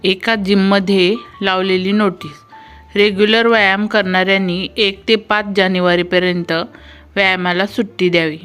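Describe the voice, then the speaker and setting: A woman with a Marathi accent reads a string of jokes in a mid-pitched, even voice. She slips into quick voices for the characters and lets out small laughs at the punchlines. Faint music plays underneath. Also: clean tone. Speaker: joke narrator. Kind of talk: reading jokes aloud.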